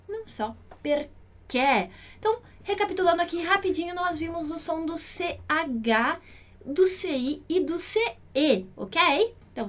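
A woman teaching an online language lesson, modeling pronunciation by repeating words slowly and clearly. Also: high voice, fairly bright tone. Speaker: Italian teacher.

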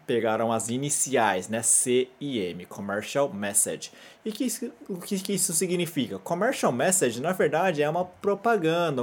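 A woman's voice: low voice, a little mellow. A Brazilian woman teaching a Japanese lesson, patient and encouraging, who keeps checking in with "né?" and leads repeat-after-me drills. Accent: Brazilian Portuguese.

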